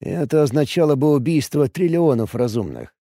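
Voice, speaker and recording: A man voicing a calm, calculating young male adept in an audiobook, speaking quietly and with restraint. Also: on the high side, normal speed. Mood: calm questioning.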